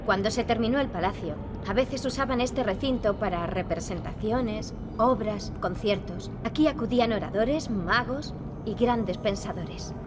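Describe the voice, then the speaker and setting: Over a noisy background, a woman speaking Castilian Spanish performs a serious, resolute young princess in a video game's European Spanish dub. Her voice is fairly high and close to how she'd normally talk, at normal speed, with an earnest, solemn feel.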